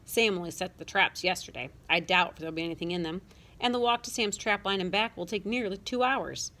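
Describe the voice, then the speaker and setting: A woman's voice: lowish voice, fairly quick, sharp tone. Woman doing an earnest young farm boy. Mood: eager. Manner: folksy country talk.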